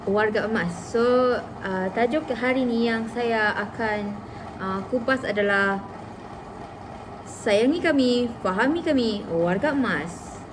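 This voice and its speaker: A woman's voice: on the high side, slow pace, noisy background. A woman therapist in a casual educational vlog, chatting and explaining with acted-out examples. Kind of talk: informal educational vlog talk.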